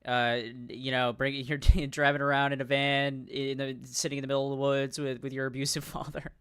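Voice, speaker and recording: Laughing man commenting, crisp and dry. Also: medium pitch, flat delivery, fairly quick, fairly bright tone, dry recording. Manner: laughs often, mocks in put-on voices. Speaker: commentator reacting to a clip. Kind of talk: casual reaction commentary.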